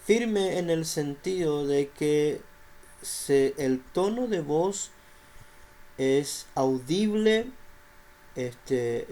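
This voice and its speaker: Slow-paced middle-aged male teacher, warm low-key tone, explains with rhetorical questions. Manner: explanatory, uses rhetorical questions and filler "este". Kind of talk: recorded class lesson.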